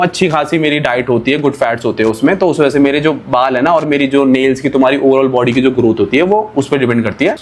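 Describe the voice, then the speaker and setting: A young adult man, a nutritionist and fitness vlogger, giving casual advice straight to the camera in a chatty, reassuring way. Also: mid-range voice. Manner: chatty, reassuring, peppered with "theek hai" and "bhai".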